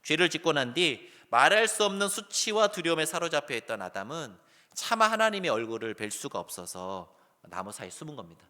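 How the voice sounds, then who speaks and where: A middle-aged male pastor preaching a sermon, lively and animated, sometimes loud and sometimes dropping soft. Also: on the high side, fairly quick. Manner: animated preaching, acts out calls in a raised voice, then drops soft. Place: church sanctuary. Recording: long hall reverb.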